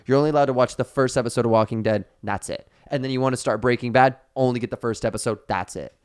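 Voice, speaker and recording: A man's voice: mid-range voice, quick pace, smooth. A man co-hosting a podcast, speaking in a casual, conversational way. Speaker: podcast co-host.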